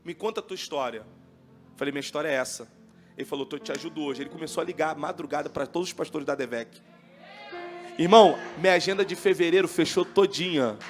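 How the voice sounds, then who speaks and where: A high-voiced man preaches a testimony sermon, telling his story in a fervent way that swells into loud proclaiming. Faint music plays softly underneath him. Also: fast. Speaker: evangelical preacher.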